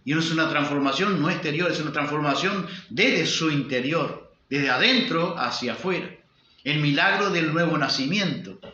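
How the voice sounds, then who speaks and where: A man's voice: a little high, expressive, moderate pace, pushed and bright. A male pastor with a Uruguayan Spanish accent, preaching emphatically with repetition and rhetorical questions. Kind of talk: sermon. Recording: roomy, dull lo-fi sound.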